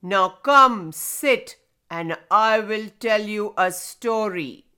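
A woman voicing an ancient, wise male stone spirit who tells stories, speaking slowly and loudly. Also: medium pitch, clean tone. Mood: solemn.

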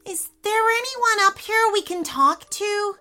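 A woman voicing an eager, excitable little boy in a children's storybook. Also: extremely high pitch, measured pace, voice pushed up, exaggerated voice.

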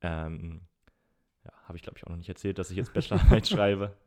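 Very deep-voiced young man chatting. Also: a little fast. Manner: relaxed, rambling explanations with many fillers. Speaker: podcast co-host. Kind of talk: casual chat.

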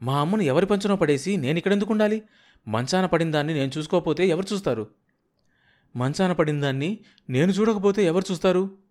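A defiant, bitter young village woman in an audiobook, as a male narrator puts her on. She drawls her words out and throws curses. The voice sits well above the reader's usual pitch. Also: animated, darkish tone. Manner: drawn-out, cursing, defiant.

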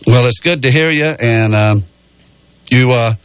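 A man's voice: medium pitch, a little slow, a bit bright, clear, resonant tone. A man with a Southern US accent and a rural drawl, hosting a casual sports talk radio show in a folksy way. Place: radio studio. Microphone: close studio microphone.

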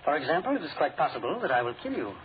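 A man's voice: on the high side, big pitch swings, rapid-fire. An actor playing a suave, formally polite, menacing man in a 1940s radio drama. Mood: cold menace. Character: suave, coldly polite man threatening murder. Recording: tinny, noisy 1940s radio recording.

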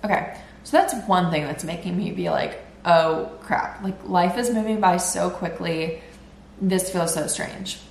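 Her voice fairly low, darkish and touched with vocal fry, a woman in her twenties chats at a measured pace on her casual solo podcast. She rambles while sounding congested and nasal from a recent illness, in a roomy space with a little hiss or hum.

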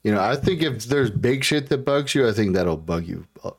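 A man's voice: on the low side, lively intonation, moderate pace. A man co-hosting a podcast with casual banter, dropping in short joking remarks. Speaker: podcast co-host.

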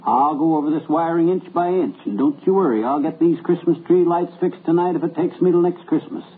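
A man's voice: a little high, a little fast, close to an everyday voice. An American man playing a teasing, cocksure, folksy middle-aged husband in 1940s radio comedy style. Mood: busy, confident. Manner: folksy slangy wisecracking. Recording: noisy old phone-like radio recording.

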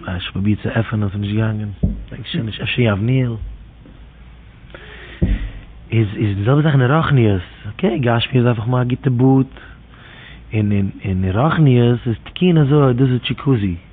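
A man's voice: medium pitch, normal speed. A man telling rambling religious stories and teachings in an informal way, repeating his phrases in a near chant. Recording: tinny phone-like audio with faint noise.

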